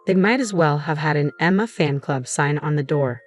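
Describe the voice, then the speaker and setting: A young adult woman narrating a dramatic first-person story in a steady storytelling manner. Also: sits low, normal speed. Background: faint background music.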